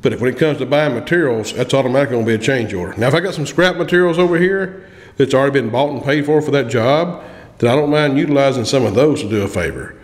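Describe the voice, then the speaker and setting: Talking fast in a mid-range voice, a man who has spent his career in construction offers practical, plain-spoken advice on a podcast, with frequent restarts. He sits at a table in a small indoor room, using a boom-arm studio mic, and long reverb makes the space sound echoey.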